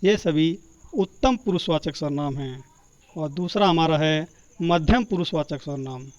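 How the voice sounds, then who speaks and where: A man teaching a grammar lesson, slow and deliberate, drawing out each example word. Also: on the high side, no room sound. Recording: dull, muffled lo-fi sound.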